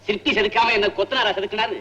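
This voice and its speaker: An actor playing a blunt, loud male sidekick tour guide in a film comedy, recorded from a distance. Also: high voice, steady tone, very fast, lo-fi sound, a little hiss or hum. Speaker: tourist guide.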